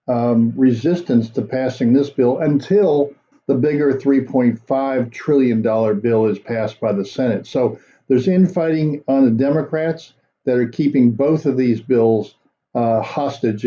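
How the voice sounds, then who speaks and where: Dark-voiced male political commentator. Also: mid-range voice, dull audio. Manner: measured, conversational with fillers. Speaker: commentary host.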